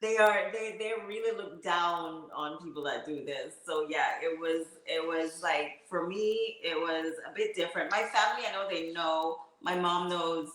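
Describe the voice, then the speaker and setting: A woman's voice: on the low side, moderate pace, few pauses, fairly bright tone. A woman with a Jamaican accent, speaking as an interview guest and laughing often between phrases. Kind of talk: casual interview chat. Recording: very echoey room.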